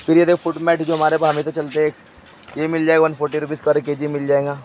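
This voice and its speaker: Guy touring his wholesale storeroom on his phone, kinda high monotone voice, faint background hum, rattling off prices. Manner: brisk salesman listing items and prices, directing a helper. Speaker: wholesale shop owner showing stock. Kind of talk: walk-through product showcase. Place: crowded indoor wholesale storeroom.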